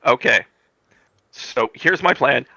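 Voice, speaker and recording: A man's voice: mid-range voice, lively intonation, slow pace, gravelly, bright, forceful tone, no echo, muffled recording. A man playing a tabletop game, talking in casual, joking banter.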